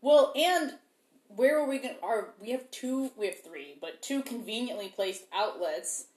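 A woman's voice: a little high, lively intonation, moderate pace. A young woman co-hosting a casual chat over beers at home, rambling and laughing as she talks. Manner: rambling, laughing, self-interrupting. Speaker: podcast co-host. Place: living room at home. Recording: echoey room.

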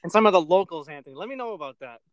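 A man's voice: sits high, lively intonation, very fast, no room sound. A man co-hosting a casual podcast, teasing his partner and giving firm opinions on football. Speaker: podcast co-host. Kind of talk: casual podcast chat and sports talk.

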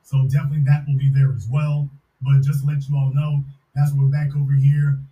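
With a mid-range, dark voice and little pitch movement, this man speaks briskly on lo-fi audio. He hosts a live-stream podcast, ranting emphatically and repeating slogans mockingly, with roomy sound from a distant mic.

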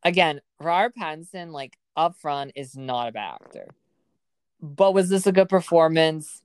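Brief: woman podcast host, low and smooth, chatty and rambling, dry close mic. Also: expressive, normal speed, no echo. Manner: chatty, heavy use of "like". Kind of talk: casual film review chat.

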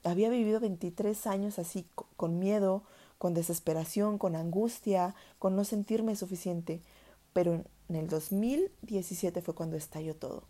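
A woman's voice: fairly low pitch, normal speed, dark tone. A young woman telling her own story in a candid, earnest way, repeating words for emphasis. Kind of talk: personal storytelling monologue.

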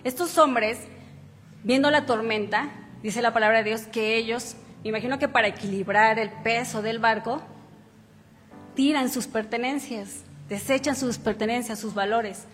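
High-voiced woman preaching in a reverberant hall. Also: normal speed, a bit bright. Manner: conversational, asks rhetorical questions; reads scripture aloud. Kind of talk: sermon. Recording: reverberant hall with faint music. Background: faint instrumental music.

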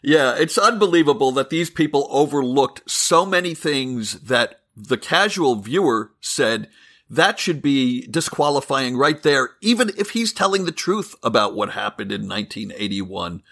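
A man hosting a casual political podcast, with a bright, forceful tone. He talks in an animated, ranting way, laughing between points. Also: mid-range voice, a little slow. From California. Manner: animated, ranting, chuckles often. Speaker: podcast host. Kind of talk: casual political debate chat.

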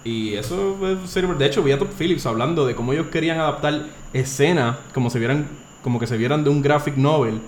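A man's voice: mid-range voice, quick pace. A young man, co-hosting a casual podcast, arguing his points and dropping English words into his speech. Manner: argumentative, mixes in English words. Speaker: podcast co-host. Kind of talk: casual chat. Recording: echoey room with faint noise.

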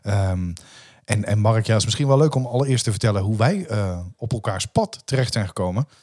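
A man from Brabant with a soft G accent, co-hosting a casual podcast in an upbeat, welcoming way. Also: on the low side, lively intonation, brisk. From Brabant, Netherlands. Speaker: podcast co-host. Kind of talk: casual chat.

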